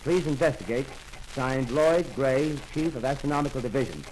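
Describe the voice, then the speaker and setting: An actor playing a polite, brisk radio field reporter describing a scene live in a 1930s radio drama. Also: male voice, mid-range voice, darkish tone, a little hiss or hum, natural voice, poor audio. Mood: earnest.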